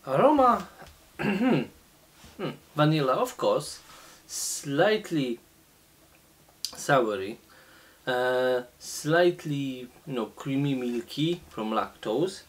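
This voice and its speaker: Slow, halting man reviewing beer. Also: mid-range voice, sing-song. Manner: slow, halting, many fillers and restarts. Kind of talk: casual beer tasting review. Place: small indoor room, seated at a table.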